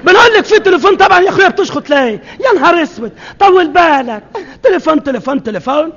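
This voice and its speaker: A man's voice: very high voice, animated. A man playing a nosy, fussy Egyptian housewife who talks nonstop, in an old radio comedy sketch with an Egyptian accent. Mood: rattling chatter. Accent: Egyptian Arabic. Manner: rapid, rambling, scolding nonstop talk. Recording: dull archive radio recording.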